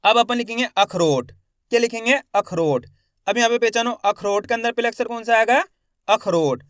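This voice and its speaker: Man, reading teacher, high clear voice, slow syllable-by-syllable pronunciation, asks viewers questions. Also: a bit bright, no room sound, studio quality. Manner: addresses viewers as friends, asks quiz questions. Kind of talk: spelled-out reading lesson.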